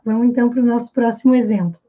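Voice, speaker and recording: A Brazilian Portuguese-speaking woman teaching English pronunciation, slowly and carefully repeating English phrases. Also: fairly high pitch, steady tone, warm tone, muffled recording. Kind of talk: explaining pronunciation in a video lesson.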